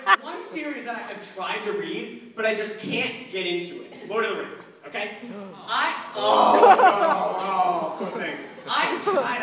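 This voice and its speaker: A young man from Long Island performs stand-up, his voice high and swinging widely as he rambles through asides. He is heard from far back in a roomy, echoing hall. Laughter from the crowd rolls around him. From Long Island, New York. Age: young adult. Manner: lively, scattered asides with many fillers. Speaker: stand-up comic. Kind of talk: stand-up comedy set. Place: large hall stage with live audience. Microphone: handheld mic, filmed from far seats.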